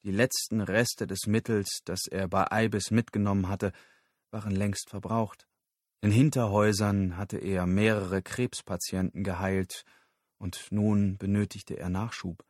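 Low-voiced male audiobook narrator. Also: no echo, clean studio sound. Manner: steady, measured storytelling.

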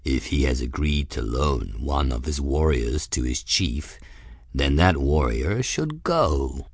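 Super deep gravelly cat voice, smug and preachy, crawls along slow, kinda husky, dry sound. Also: male voice, animated, no echo, full character voice. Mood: solemn, smug. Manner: slow, formal, lecturing. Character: smug, wise, solemn male talking cat. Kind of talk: audiobook character voice.

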